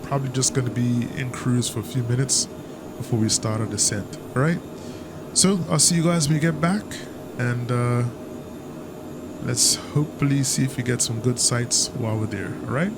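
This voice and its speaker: A man's voice: medium pitch, moderate pace, background noise. A man giving casual, chatty commentary over a flight simulator session, stumbling now and then with fillers. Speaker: flight sim YouTuber.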